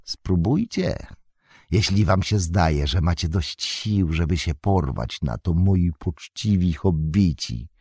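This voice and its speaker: A man voicing an old, fallen male wizard who is scornful and spiteful, speaking slowly and menacingly in an audiobook reading. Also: lowish voice, very animated, vocal fry, breathy edge, no room sound, studio quality, voice pushed up, exaggerated voice. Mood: mocking. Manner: sneering, slow and menacing, rising to shouts.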